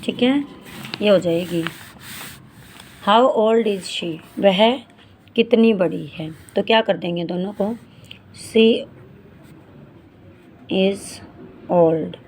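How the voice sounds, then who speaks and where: Woman, 40s, maths teacher, slow delivery, mid-pitched voice, patient explanations. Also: a little mellow, slight background noise. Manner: reads English word problems slowly, then explains in Hindi; addresses students as beta. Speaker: math teacher. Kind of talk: slow step-by-step maths lesson.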